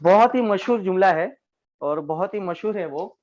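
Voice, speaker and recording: A man's voice: high voice, expressive, moderate pace, darkish tone, highs cut off. A man giving an online sales training talk, explaining step by step and often addressing his listeners as friends. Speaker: network marketing trainer.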